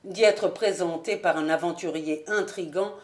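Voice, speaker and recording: Audiobook: a woman plays a brooding, aloof young nobleman, low and restrained. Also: normal speed, lightly acted. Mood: cold. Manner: cold, haughty and restrained. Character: proud gloomy young male nobleman.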